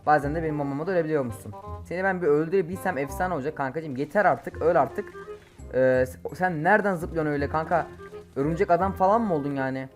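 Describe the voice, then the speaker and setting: Excitable young man shouting over gameplay. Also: a little high, soft background music. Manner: excitable, quick to curse and shout at teammates. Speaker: mobile game streamer. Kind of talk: live gameplay commentary. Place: home, playing on an emulator.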